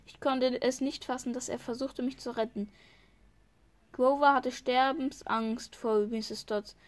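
A woman's voice: sits high, fairly even intonation, a little slow. A woman reading a novel chapter aloud, often stumbling and restarting words. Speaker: reader.

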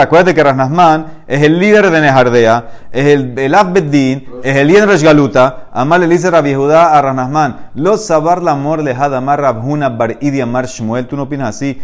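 A man teaching a Talmud page: he reads the Aramaic lines, then retells each exchange between the rabbis in animated, conversational Spanish. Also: on the high side. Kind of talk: explaining a Talmud page line by line.

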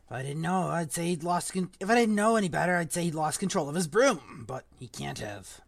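A reader voicing a gruff, anxious giant groundskeeper in a low, mumbled voice during an audiobook-style reading. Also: animated, brisk, no echo. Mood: worried.

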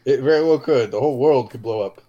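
Deadpan man co-hosting a chat show. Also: mid-range voice, quick pace, highs cut off. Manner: dry, deadpan jokes. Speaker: podcast co-host. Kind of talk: casual chat.

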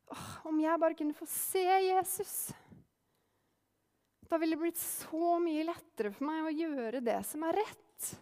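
A woman voicing a poor, kind-hearted old shoemaker in a told story, speaking gently. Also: very high voice, in a large hall, voice pushed up. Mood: longing.

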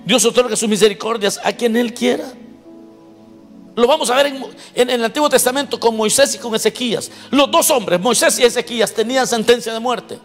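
A man's voice: very high voice, fairly quick. A man preaching a sermon in an emphatic way, asking his congregation questions as he goes. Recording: long hall reverb with faint music.

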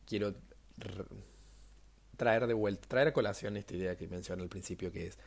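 A young man with a Rioplatense Spanish accent, hosting a casual solo podcast, chatty and self-mocking, with sudden jumps up in pitch. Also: moderate pace, vocal fry, a little hiss or hum. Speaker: podcast host.

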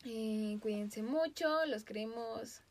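A woman with a Mexican Spanish accent, hosting a podcast and telling a story in a casual, animated way, often breaking into laughter. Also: on the high side, slow. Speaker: podcast host.

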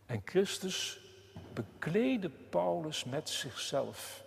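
A man preaching a sermon slowly and deliberately, with long pauses and passionate emphasis. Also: a little high, big pitch swings, vocal fry, long reverb tail. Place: church.

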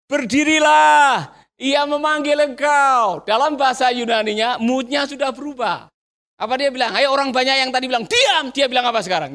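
A man pastor giving a radio sermon, animated and full of rhetorical questions, raising his voice sharply when he acts out a crowd. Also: extremely high pitch. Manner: raises his voice sharply to act out shouting crowds.

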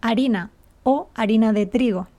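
A woman's voice: fairly high pitch, normal speed, warm tone. A woman co-hosting a casual podcast, explaining words patiently and laughing often. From Canary Islands. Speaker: podcast co-host and Spanish teacher. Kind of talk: casual chat.

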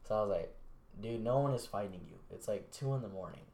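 A young man with a lowish voice tells a rambling late-night story in a casual podcast chat. He swears freely and drops into a quieter mumble whenever he quotes someone. His voice carries noticeable echo from the room. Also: fast talker, vocal fry. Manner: relaxed, swearing, acts out quotes in a low mumble. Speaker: podcast host. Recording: echoey room.

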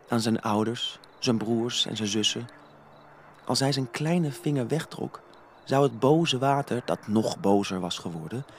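A man narrating a children's storybook in an expressive, lively reading. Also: mid-range voice.

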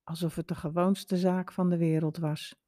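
A woman in her fifties reading aloud a personal story in a calm, wry storytelling manner. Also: on the low side, moderate pace. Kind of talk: read-aloud personal narrative.

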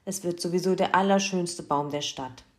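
A woman's voice: fairly low pitch, moderate pace, close to an everyday voice. Woman doing young boy, earnest, brave, children's story. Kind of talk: storybook reading.

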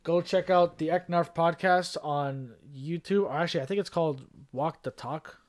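A man co-hosting a casual podcast, swearing freely and breaking into laughter and loud outbursts. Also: a little high, moderate pace. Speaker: podcast co-host.

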